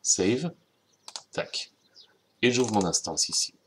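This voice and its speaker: Low-voiced French man teaching software. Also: very animated, slow pace, slight background noise. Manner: informal, chatty, self-correcting, addresses viewers directly. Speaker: software tutorial instructor. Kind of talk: screen-recorded software tutorial.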